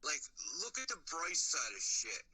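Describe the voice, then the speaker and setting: A man's voice: a little high, wildly swooping pitch, normal speed, noisy background. A man on a phone call who talks in a casual, rambling, profane way, filling his speech with "like" and "bro.". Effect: heard over a phone call. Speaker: caller.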